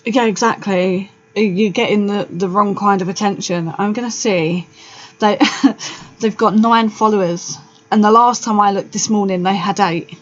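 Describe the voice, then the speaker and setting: A woman's voice: mid-range voice, steady tone, unhurried. A blunt woman chatting casually on her podcast, swearing freely and laughing easily. Her voice sits in a middle range, and the sound is a little dull and lo-fi. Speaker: podcast co-host. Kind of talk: casual chat.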